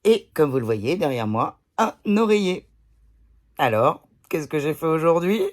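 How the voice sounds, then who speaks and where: A woman vlogging to her phone indoors, telling everyday anecdotes in a blunt, chatty way with plenty of swearing. She takes her time over the words, unhurried and drawn out. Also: deep voice, very animated. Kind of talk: casual storytelling to camera. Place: indoors, pillow behind her. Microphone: phone camera.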